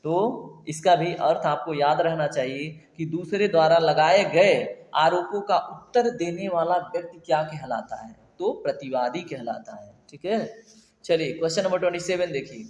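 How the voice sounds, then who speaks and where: Man, Hindi exam tutor, chatty and quizzing, fairly high voice, roomy echo with long reverb. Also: normal speed, a little mellow. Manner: chatty teacher, keeps asking "ठीक है?" and quizzing viewers. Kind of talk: online exam-prep lesson. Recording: echoey room with long reverb.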